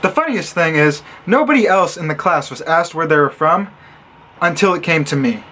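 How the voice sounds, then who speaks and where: A young college student vlogger from Illinois speaks to the camera in a casual vlog, his voice high for a man. He moves at a moderate pace, telling stories with animated sarcasm and acting out what others said, with slight background noise behind him.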